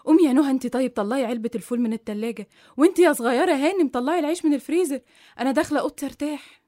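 Woman doing a bossy egyptian big sister, highish voice, talks fast, weary and scolding, music under it. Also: warm tone, no room sound, clean studio sound, close to an everyday voice. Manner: commanding, reproachful. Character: stern eldest sister, weary caretaker of siblings. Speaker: eldest sister. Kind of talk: radio drama acting.

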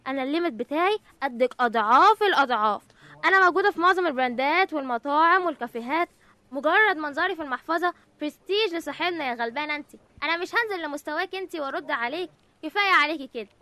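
A woman voicing a snooty, sharp-tongued credit card. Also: high voice, animated, very fast, dry recording. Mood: haughty. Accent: Egyptian. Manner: condescending, taunting. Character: snobbish female credit card, haughty.

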